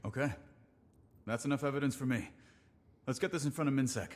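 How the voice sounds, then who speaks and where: A man's voice: mid-range voice, brisk, lightly acted. An actor playing a stern, by-the-book lawman in a video game. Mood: stern, resolute. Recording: long reverb, faint background noise.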